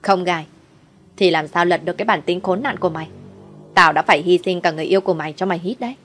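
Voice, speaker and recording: A woman's voice: lowish voice, racing, a bit bright, faint music behind, natural voice. A woman voicing a bold young woman who harshly scolds her sister-in-law. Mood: scornful.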